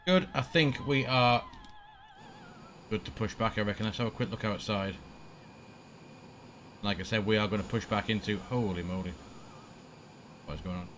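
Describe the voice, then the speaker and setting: A low-voiced man chats informally on a flight sim stream, thinking aloud as he goes. He speaks into a headset, with music faintly under him. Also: moderate pace, long pauses, fairly bright tone. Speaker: flight simulator livestreamer. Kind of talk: casual live gameplay commentary.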